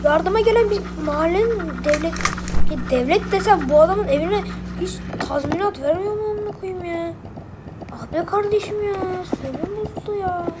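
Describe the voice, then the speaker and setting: A woman's voice: very high-pitched, normal speed, very noisy. A woman giving let's play gameplay commentary, muttering to herself in frustration and swearing often. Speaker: gamer.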